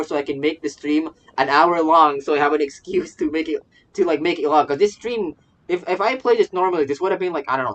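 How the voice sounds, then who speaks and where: This is a young adult streamer and virtual YouTuber, mid-range in voice, offering loose, rambling gaming commentary full of repeated phrases. Soft game music plays beneath, and the highs in the audio are cut off.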